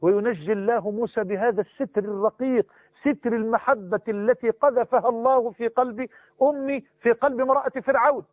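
High-voiced preacher over tinny radio. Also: male voice, steady tone, a little fast, dry recording. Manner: rhetorical, chanting Quranic verses and reciting rhymed verse softly. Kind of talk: sermon. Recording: tinny phone-like radio broadcast.

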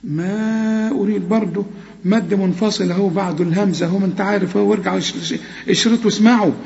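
Egyptian guy teaching tajweed, high pitched, drags words out slow to show how, kinda dull recording. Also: fairly even intonation, creaky, darkish tone. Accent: Egyptian Arabic. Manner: corrects pronunciation, repeats words slowly and drawn out. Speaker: Quran recitation teacher. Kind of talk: tajweed lesson with slow demonstrations.

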